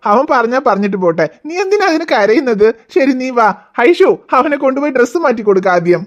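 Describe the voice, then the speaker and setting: A woman voicing a gentle cartoon father who reassures his daughter and mock-scolds his son. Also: fairly high pitch, big pitch swings, quick pace, muffled recording. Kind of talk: cartoon voice acting.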